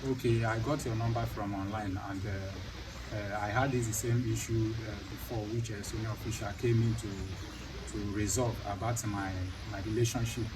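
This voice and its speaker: A man with a Nigerian accent giving a halting, hesitant account, repeating words as he goes, recorded noisily from a distance. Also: fairly low pitch, fairly even intonation. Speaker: client seeking help. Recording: noisy, distant mic.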